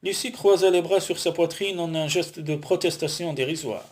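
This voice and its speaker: A man's voice: on the high side, moderate pace, darkish tone, slight background noise. Man narrating a romance novel. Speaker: audiobook reader.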